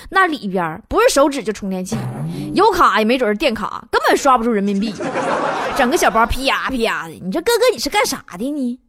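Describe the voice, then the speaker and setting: A woman's voice: high voice, background noise. A woman with a Northeastern Mandarin accent giving a playful comic monologue as host, laughing often. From Northeast China. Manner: playful storytelling, frequent laughter. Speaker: comedy show host.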